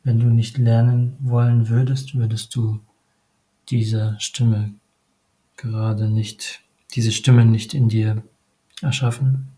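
A man giving a meditative spiritual monologue, addressing the listener directly in short, halting phrases with frequent hesitations. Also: lowish voice, warm tone, low-quality recording.

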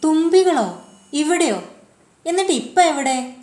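A woman voicing a curious, excitable young girl who exclaims in wonder. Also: a little high, measured pace. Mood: amazed. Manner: wide-eyed, exclaiming. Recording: roomy echo.

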